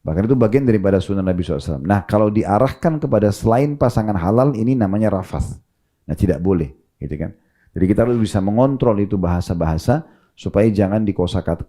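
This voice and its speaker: A man giving a calm, gentle sermon as an Islamic preacher, with rising emphasis on key points. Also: deep voice.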